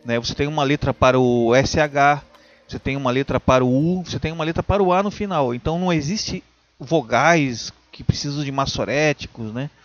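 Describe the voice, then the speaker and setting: A man's voice: medium pitch, fairly quick, highs cut off. A man explaining a topic in casual talk, hesitant, with many restarts and tag questions. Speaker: video host.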